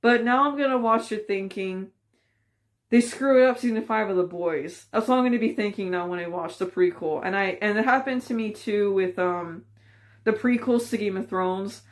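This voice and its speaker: A woman talks straight to her viewers in a loose, unscripted opinion piece. She rambles and restarts, sounding frustrated. Her voice sits at an ordinary middle pitch. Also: normal speed. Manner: ranting, frustrated, rambling with fillers. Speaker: vlogger. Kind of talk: casual opinion commentary.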